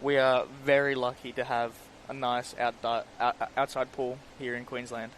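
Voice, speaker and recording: A man's voice: mid-range voice, level tone, normal speed, a bit bright, a little hiss or hum. A young man co-commentating on diving in an easygoing, upbeat way. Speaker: diver, co-commentator. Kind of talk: live sports commentary. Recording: music behind commentary.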